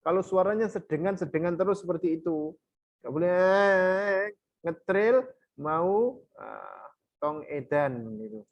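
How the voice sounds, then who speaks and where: A man teaches Quran recitation rules. He explains each rule, then chants the verses slowly and counts the beats aloud. The sound is dull and lo-fi, like online audio. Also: on the high side. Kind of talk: online workshop lesson with recited examples.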